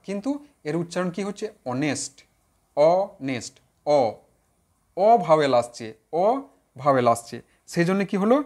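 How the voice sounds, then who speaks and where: A male teacher giving an online grammar lesson in a lively voice that rises and falls. He speaks straight to the viewers and poses questions he then answers himself. He stretches out example words and repeats them slowly to drill the sounds. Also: sits high. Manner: addresses viewers directly, asks and answers own questions.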